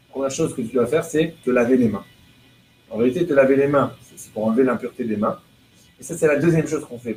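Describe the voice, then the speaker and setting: A man's voice: a little high, darkish tone. A man, a rabbi, giving a religious lesson to a live class, asking rhetorical questions and translating prayer lines phrase by phrase. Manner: explains through chains of rhetorical questions. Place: room with listeners present. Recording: echoey room with faint background noise.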